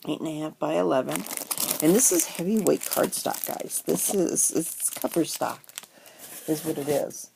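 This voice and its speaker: A woman's voice: deep voice, expressive, normal speed, creaky, mellow. A middle-aged woman chatting casually through a crafting haul, rambling with many ums. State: has the hiccups. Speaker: crafting vlogger. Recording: noisy home recording. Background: paper crinkling and rustling.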